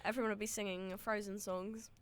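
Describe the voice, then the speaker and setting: A woman's voice: medium pitch, level tone, fairly quick, smooth, dry recording. A young woman with a cold co-hosting a podcast in chatty casual conversation, laughing often. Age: young adult. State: has a cold. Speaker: podcast co-host. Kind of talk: casual chat.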